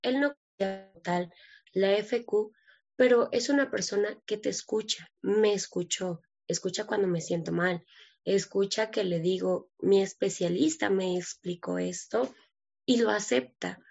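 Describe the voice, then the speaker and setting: A woman's voice: mid-range voice, a little slow, creaky, a little mellow. A woman, a guest telling her story earnestly and acting out the dialogue. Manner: earnest, emotional, acts out dialogue. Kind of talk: personal testimony in an interview.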